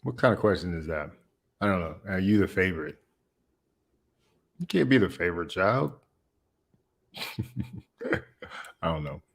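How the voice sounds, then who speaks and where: A man's voice: sits low, lively intonation, unhurried, vocal fry, pauses often. A man hosting a reaction video, commenting casually on a clip and laughing often, repeating his phrases.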